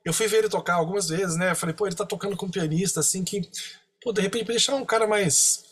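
Husky, high-voiced Brazilian man. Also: fast talker. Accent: Brazilian Portuguese. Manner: excited, animated anecdote telling with slangy asides. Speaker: percussionist guest. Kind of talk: storytelling in a podcast interview.

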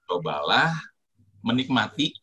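A man giving casual advice on a talk show, joking about himself and telling stories in an animated way. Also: lowish voice, unhurried, slightly rough. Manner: joking, self-mocking, animated storytelling. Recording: noisy recording with clicks.

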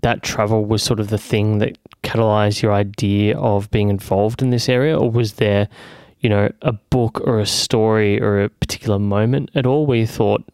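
Low-voiced, chatty interview host. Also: male voice, fairly even intonation, moderate pace, hardly any pauses, darkish tone, clean tone, no room sound, studio quality. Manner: casual and chatty, with many short backchannels. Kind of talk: conversational interview.

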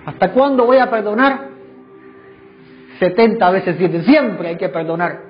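High-voiced fervent male preacher. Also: measured pace. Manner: fervent, with rhetorical questions. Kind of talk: sermon. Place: church service before a congregation. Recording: dull lo-fi sound, faint music behind.

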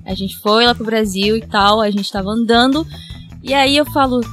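A woman's voice: fairly high pitch, moderate pace, fairly bright tone, soft background music. A Japanese-born woman, chatting casually as a guest and often laughing as she tells stories. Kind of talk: casual chat.

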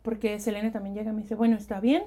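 A woman with a Mexican accent, a guest telling a personal story in animated, casual chat. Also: mid-range voice, fast talker. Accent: Mexican Spanish. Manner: animated storytelling, quotes herself and others.

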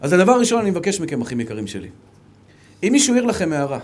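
A fervent Israeli rabbi with a high-pitched voice delivers a Torah lecture. He drops into soft, low asides and then climbs to raised, emphatic appeals to his listeners. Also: sing-song.

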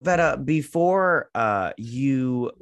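A man's voice: medium pitch, lively intonation, drawn-out words, no room sound. Drunk, rowdy man bantering on a podcast. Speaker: podcast co-host. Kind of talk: casual boozy banter about a film.

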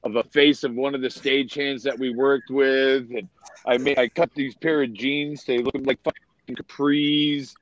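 A man from Massachusetts with a New England accent, telling loud stories as a podcast guest, swearing and laughing often. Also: mid-range voice, flat delivery, moderate pace, no room sound, highs cut off. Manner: profane, laughing storyteller. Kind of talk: casual chat.

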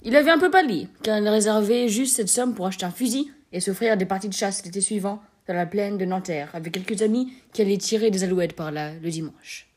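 Woman reading a classic story aloud. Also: medium pitch. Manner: measured, expressive storytelling. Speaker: narrator.

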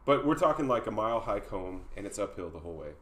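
A man with a fairly low voice tells a story in a relaxed, wry way. He is a casual chat host who keeps things easygoing. His delivery is conversational and unhurried. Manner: laid-back, wry anecdotal telling.

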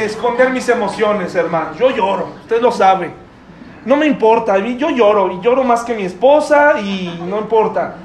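A middle-aged man preaching a sermon in a conversational way, asking his congregation frequent rhetorical questions. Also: extremely high pitch. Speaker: pastor. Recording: echoey room with faint noise.

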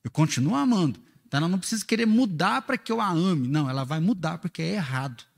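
High, gravelly-voiced man teaching casually. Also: animated, quick pace, long reverb tail. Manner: earnest, explains with rhetorical questions and quoted examples. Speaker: father and church speaker on parenting. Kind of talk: conversational teaching talk.

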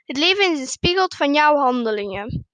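A woman voicing a patient, wise father who calmly teaches his son in a spoken story. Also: high-pitched, a little fast, no echo. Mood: explaining. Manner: calm, instructive.

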